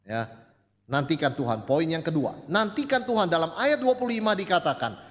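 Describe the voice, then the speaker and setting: A male pastor preaching a sermon, telling stories and shifting between loud, high emphasis and soft, low asides as he addresses the congregation. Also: big pitch swings, a little fast. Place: church sanctuary. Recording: long church reverb.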